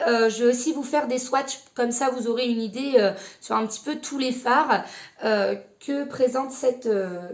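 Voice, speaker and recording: Female beauty vlogger, slightly higher voice, hesitant and chatty, casual product review. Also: a little mellow. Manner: hesitant, many fillers and restarts, chatty. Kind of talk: casual makeup palette review.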